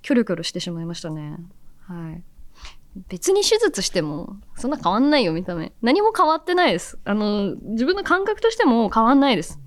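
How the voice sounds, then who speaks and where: A woman in her thirties hosting a radio show, chatting casually and softly, often dropping into near-whispers, and reading listener letters. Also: mid-range voice, sing-song, fairly quick. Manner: chatty, soft-spoken, drops into near-whispers. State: recovered from nasal congestion. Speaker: radio host and TV announcer.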